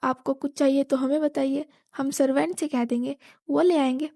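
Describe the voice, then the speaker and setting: Woman voicing a sharp-tongued, bossy elder sister. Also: high-pitched, steady tone, normal speed, gravelly, dry recording, clean studio sound. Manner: scolding, mock-stern.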